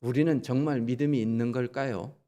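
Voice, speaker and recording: A man's voice: medium pitch, steady tone, brisk, warm tone, long reverb tail, muffled recording. A male pastor giving a sermon in a church, talking conversationally, asking the congregation questions and acting out quoted lines. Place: church sanctuary.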